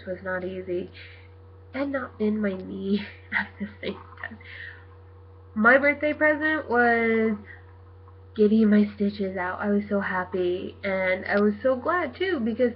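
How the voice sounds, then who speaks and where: A woman in her twenties telling her viewers a personal story in a casual, animated way, acting out what people said. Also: medium pitch, highs cut off, a little hiss or hum. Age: 20s. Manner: chatty, animated retelling with quoted dialogue. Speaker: vlogger.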